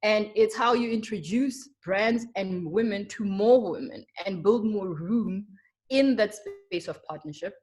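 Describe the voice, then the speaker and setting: A woman's voice: mid-range voice, measured pace, darkish tone. Earnest young South African woman presenting. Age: young adult. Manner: earnest, emphatic, frequent ums. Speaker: marketer. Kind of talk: webinar presentation.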